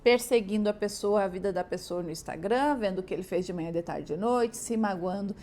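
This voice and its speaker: A Brazilian woman with a Brazilian Portuguese accent, giving an animated devotional talk from home, sometimes gentle and pleading. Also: medium pitch, brisk. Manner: animated, acts out shouted family quarrels. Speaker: preacher.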